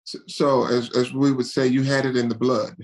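A man's voice: medium pitch, little pitch movement, moderate pace, a little mellow. A man hosting an interview, asking questions with stumbling restarts. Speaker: podcast host, founder.

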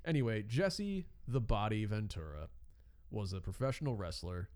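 A man's voice: fairly low pitch, big pitch swings, moderate pace, darkish tone, clear, resonant tone. A man in his thirties co-hosting a casual chat, telling a story with frequent laughs and putting on voices for the people he quotes. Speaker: podcast co-host telling a wrestling story.

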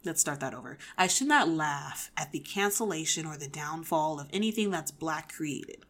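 A woman's voice: sits low, animated, normal speed, fairly bright tone. A woman in her twenties hosting a podcast, giving casual pop-culture opinions in an emphatic, opinionated way with frequent restarts. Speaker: podcast host.

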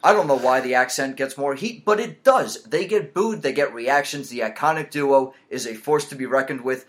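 A man's voice: mid-range voice, moderate pace. A man hosting a casual wrestling podcast, leading the talk and moving from topic to topic. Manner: leads the talk, moves topics along. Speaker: podcast host.

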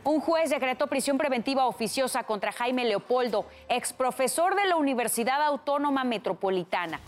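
Mexican woman news anchor over music. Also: a little high. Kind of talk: scripted news reading.

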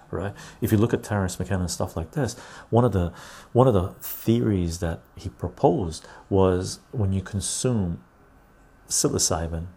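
A man's voice: deep voice, vocal fry, dark tone, slightly rough. A man hosting a live stream, reading viewer comments aloud and riffing on them in casual chat, often tagging "right?".

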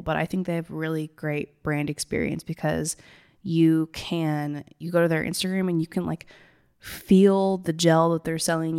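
Low, gravelly woman chatting casually. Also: darkish tone. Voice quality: gravelly, raspy. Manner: informal, rambling, chatty. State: tired early-morning voice. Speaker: business coach and host. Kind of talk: casual solo talk to listeners.

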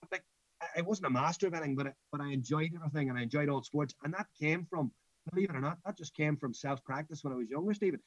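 A middle-aged man with a Northern Irish accent speaks rapidly and emphatically in a conversational interview. He repeats phrases as he tells anecdotes. The sound is dry and slightly dull. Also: a little high, dry recording. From Northern Ireland. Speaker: school football coach.

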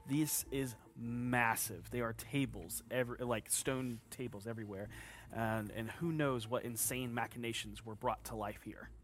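A man's voice: medium pitch, fairly even intonation, normal speed. A man acting as game master, narrating scenes in a tabletop game with frequent filler words.

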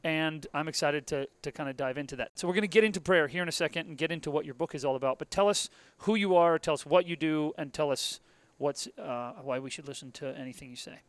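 An American man hosts a casual interview in a fairly high voice. He rambles and jokes wryly as he goes. The sound is very dry and close. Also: fast, clear, resonant tone, no echo. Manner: wry, jokey, rambling. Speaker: podcast host and interviewer. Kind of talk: casual, conversational hosting. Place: basement room of a convention center.

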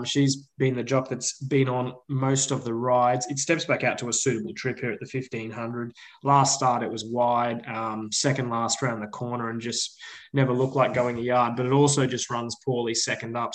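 Australian male tipster, average pitch, laid-back, hesitant, slangy, casual racing commentary. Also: poor audio. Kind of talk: casual unscripted tipping commentary.

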